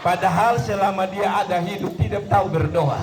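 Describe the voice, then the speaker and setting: A man's voice: high voice, normal speed. A pastor with a Kupang Malay accent, telling a comic story in a sermon and calling out to his listeners. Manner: animated, calls out to the listeners. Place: large hall with an audience. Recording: echoey hall, distant mic, crowd noise.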